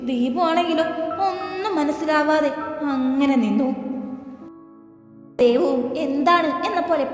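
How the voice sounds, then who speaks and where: A woman storyteller reading a scripted story in a steady, even-paced way. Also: sits high. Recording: echoey reverb with soft music.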